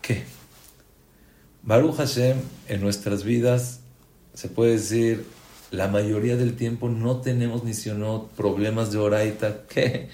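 A man's voice: steady tone, takes it slowly, mellow, roomy sound. A man giving a sermon as a rabbi, telling stories and acting out dialogue, with Hebrew religious terms mixed into his speech. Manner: storytelling, acts out dialogue with big pitch swings. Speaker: rabbi teaching a class.

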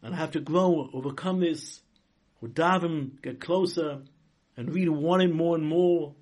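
Guy rabbi giving an informal sermon, kinda high voice, stops and restarts, stresses words hard. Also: a little slow, darkish tone. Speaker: rabbi giving a religious talk. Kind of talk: informal sermon, inspirational religious lesson.

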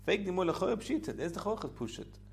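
A man's voice: sits high, sing-song, quick pace, vocal fry. A man giving a religious law lesson in a sing-song, swooping teaching cadence.

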